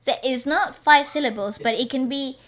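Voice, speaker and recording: A young woman with a high, light voice co-hosts a casual reaction video. She explains things patiently, stumbling and restarting her words as she goes. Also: normal speed, fairly bright tone. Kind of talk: casual chat.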